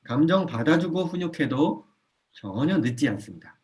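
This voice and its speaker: A man's voice: a little high, moderate pace. A man lecturing a church parenting class. He speaks with energy, checks that the audience follows, and repeats his key points. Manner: animated, often acts out a parent's lines in a soft voice. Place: church hall.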